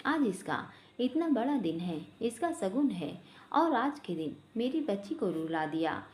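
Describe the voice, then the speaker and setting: A woman's voice: mid-range voice, sing-song, measured pace, darkish tone, slight background noise. Woman reading as a bossy scolding aunt. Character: harsh scolding aunt, middle-aged woman. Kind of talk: storybook voice acting.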